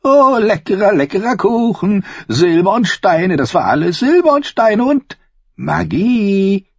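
A man voicing a foolish drunken knight who talks slowly with a slur and a high, giggling voice. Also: sing-song, gravelly, husky, no echo, lo-fi sound, exaggerated voice. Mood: giggly drunken.

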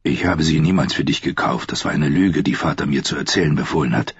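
A man voicing a guilt-ridden male knight confessing to his brother, subdued and halting. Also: very deep voice, husky, dry recording, heavily acted. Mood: guilty. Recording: dull lo-fi dry recording.

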